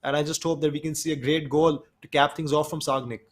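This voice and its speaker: A man with an Indian English accent giving measured, analytical color commentary on an esports football match. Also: on the high side, fairly even intonation.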